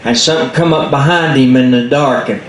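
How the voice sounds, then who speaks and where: A man with a Southern Appalachian accent telling folk tales in a casual, unscripted, folksy way with dramatic pauses. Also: mid-range voice, soft background music. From southern Appalachia, United States. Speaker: storyteller. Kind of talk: casual oral folk storytelling. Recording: echoey room with background noise.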